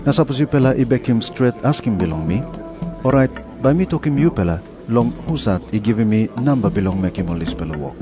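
A man's voice: mid-range voice, expressive, fast talker, music in the background, natural voice. A man with a Papua New Guinean accent playing an earnest, authoritative religious teacher who instructs and admonishes in a scripture drama. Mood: firm, challenging. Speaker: voice actor in dramatised scripture reading. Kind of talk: dramatised scripture reading in Tok Pisin.

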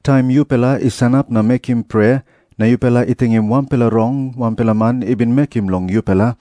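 A man's voice: mid-range voice, fairly even intonation, brisk, dark tone, dry recording, lightly acted. Papua New Guinean man acting an authoritative religious teacher. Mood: earnest teaching. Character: authoritative male religious teacher, earnest and admonishing. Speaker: voice actor in dramatised scripture reading. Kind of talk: dramatised scripture reading in Tok Pisin.

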